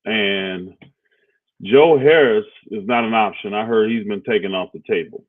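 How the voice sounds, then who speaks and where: A man's voice: fairly low pitch, a little slow, no room sound. A man co-hosting a casual basketball talk stream, laid-back and rambling, thinking aloud with lots of fillers. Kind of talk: casual sports talk livestream. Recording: dry, phone-like audio.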